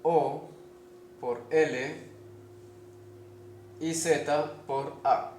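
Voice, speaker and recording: A man teaches a spelling lesson in a slow, deliberate way, stopping often to check that his listeners follow. His voice sits a little high for a man. The room is echoey, with a faint hiss of noise behind him. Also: steady tone, darkish tone. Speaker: language teacher.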